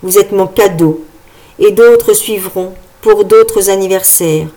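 A woman's voice: mid-range voice, slow, mellow, lightly acted. A woman voicing the spirit of a vengeful dead man in a horror audiobook, clipping each syllable precisely. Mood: menacing.

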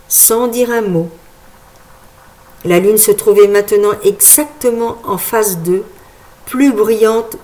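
Woman, storyteller, unhurried read-aloud narration, measured delivery, mid-pitched. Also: a little mellow. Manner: slow, measured reading.

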